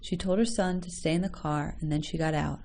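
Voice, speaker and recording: A woman reading a children's story aloud in a gentle, measured way. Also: low-pitched, fairly even intonation, a little hiss or hum. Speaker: story reader.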